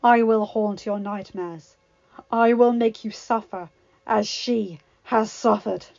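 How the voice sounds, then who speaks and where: Woman reading a big male beast, slow and loud, kinda muffled audio. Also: medium pitch, fairly even intonation, creaky. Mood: menacing. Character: hulking male beast, fierce yet gentle. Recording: dull lo-fi sound with music.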